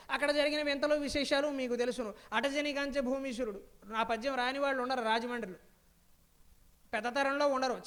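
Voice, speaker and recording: A young male spiritual speaker gives a storytelling discourse from a stage, his very high voice smooth and resonant. He breaks into slow chanted verses and asks the audience question after question. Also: a bit bright. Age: young adult. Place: stage before a live audience.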